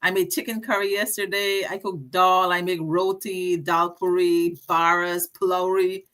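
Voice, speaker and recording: A middle-aged Guyanese woman hosting a relaxed live chat show. Her voice is bright and forceful, set a little low, and she talks in quick repeated bursts with easy laughter. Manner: chatty, laughs often, repeats words. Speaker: host. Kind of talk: casual live-stream chat.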